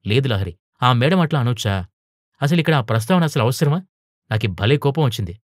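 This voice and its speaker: A man's voice: medium pitch, animated, fairly quick, no room sound, clean studio sound, lightly acted. A man voicing an outspoken young woman teacher in an audio storybook, earnest and turning heated. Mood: indignant. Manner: earnest, rising to heated protest.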